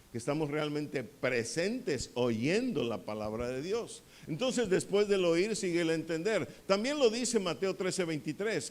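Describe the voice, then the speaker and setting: A male pastor delivers a sermon in a church hall. His voice sits high, and his delivery is slow and deliberate. He keeps putting questions to the congregation and leans hard on the key words. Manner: asks the congregation questions and waits for answers; emphatic, rises on key words.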